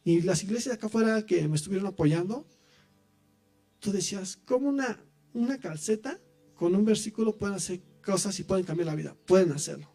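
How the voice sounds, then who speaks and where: A man giving his testimony in church, telling his story in an animated way and speaking straight to the listeners. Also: sits high, fairly quick, faint music behind. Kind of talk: preaching testimony.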